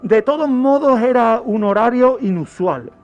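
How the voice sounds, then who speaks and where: Over dull lo-fi radio audio with music playing beneath, a man with a very high-pitched, lively voice tells a true-crime story at a slightly slow pace. He explains things emphatically, repeating phrases for effect, in the manner of a radio talk.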